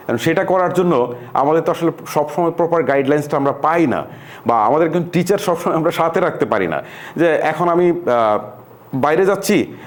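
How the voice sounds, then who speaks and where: Male tech tutorial host, slightly high voice, casual screen-recording chat that mixes in English words. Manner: chatty, keeps saying "see" to viewers, mixes in English words.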